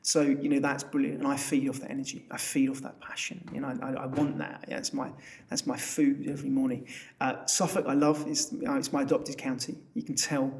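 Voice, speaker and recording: A man's voice: mid-range voice, flat delivery, fairly quick, gravelly, few pauses, darkish tone, a little hiss or hum. A man with an Essex accent giving chatty, emphatic interview answers as a business founder, often repeating words. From Essex, England. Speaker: business founder, podcast guest.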